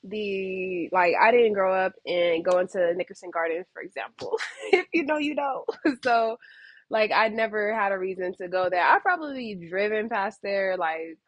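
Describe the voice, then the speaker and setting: A woman's voice: normal speed, no room sound, highs cut off. Chatty young SoCal woman, dry close sound. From Southern California. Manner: meandering, heavy use of "like", sudden excited jumps in pitch. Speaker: vlogger. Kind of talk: casual reflective monologue. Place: a friend's home, indoors.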